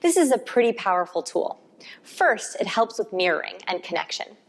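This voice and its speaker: A woman's voice: medium pitch, very animated, normal speed, slightly rough. A woman with a mid-range voice gives a recorded coaching lesson. She explains a concept step by step and ties it to her work with clients. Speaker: life coaching course instructor. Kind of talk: recorded course lecture.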